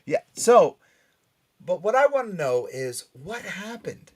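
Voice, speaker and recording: A middle-aged or older American man from Norwalk, Connecticut, hosts a casual pop culture talk show on radio and podcast. His voice is high and sing-song, and he talks slowly in a chatty, emphatic way.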